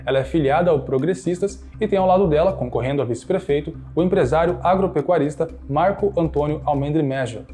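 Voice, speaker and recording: A man narrating a scripted radio news profile in a brisk, read-out delivery. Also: on the high side, warm tone.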